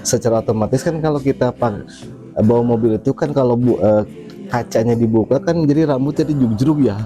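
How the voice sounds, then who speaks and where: A man recalling memories of a late religious teacher in a measured, thoughtful way, pausing on fillers. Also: medium pitch, warm tone, faint music behind. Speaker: family member remembering the late cleric. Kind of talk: reflective reminiscing interview.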